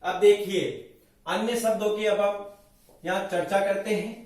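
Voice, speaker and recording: A man teaching Sanskrit grammar, slowly drilling and reciting word forms for his students. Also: high-pitched, fairly even intonation, a little mellow. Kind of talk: classroom lecture with recitation. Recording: very echoey room, voice from a distance.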